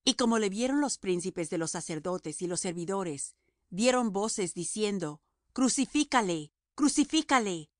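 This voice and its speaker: Female audiobook narrator, solemn measured scripture reading, dry booth sound. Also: on the low side, expressive, darkish tone, no echo.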